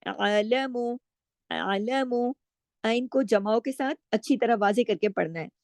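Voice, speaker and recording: A woman teaching Quran recitation rules, reciting slowly and drawn out, then explaining step by step and asking her students questions. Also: fairly high pitch, lively intonation, darkish tone, no room sound, clean studio sound. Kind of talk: tajweed lesson with slow recitation.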